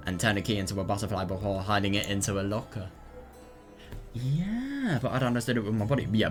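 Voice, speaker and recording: A man reading a game's text aloud and reacting casually in a musing way, often repeating short affirmations. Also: fairly low pitch. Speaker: let's player. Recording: music behind the voice. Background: game music.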